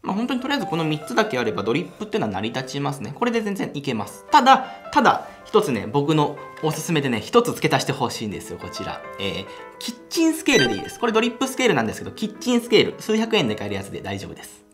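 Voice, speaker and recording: With music behind him, a young coffee-channel host shows how to brew in his small home café room. His slightly high voice races, its pitch swooping wildly, and he's enthusiastic and talkative, laughing as he explains in this relaxed demonstration.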